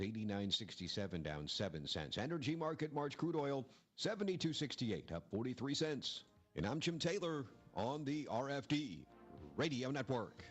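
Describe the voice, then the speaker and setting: Male American farm market reporter, lowish pitch, reading stock prices in clipped radio style.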